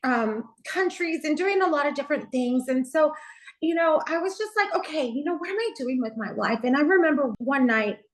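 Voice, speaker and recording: A woman's voice: sits high, lively intonation, fairly quick, low-quality recording. A middle-aged woman pastor from Texas sharing her personal testimony in an interview, earnest and heartfelt, with a lot of "you know.".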